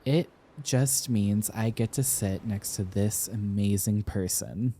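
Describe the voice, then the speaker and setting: A young man plays a tender, flustered college-age boyfriend in an intimate romantic roleplay, his voice low-ish and slow with a slight hiss or hum. He sounds affectionate and playful, delivering his lines in a hesitant, stammering, soft-hearted way.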